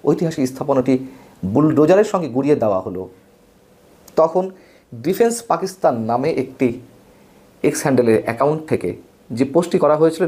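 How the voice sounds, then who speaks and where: A man of ordinary pitch delivering political commentary in an emphatic, rhetorical way. He leans hard on key words with sudden upward jumps in pitch, and the delivery is spoken rather than read, with the odd slip. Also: dark tone.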